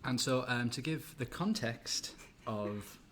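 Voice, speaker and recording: A man's voice: mid-range voice, slow pace, fairly bright tone, a little hiss or hum. A man co-hosting a game live stream, upbeat and promotional in casual chat.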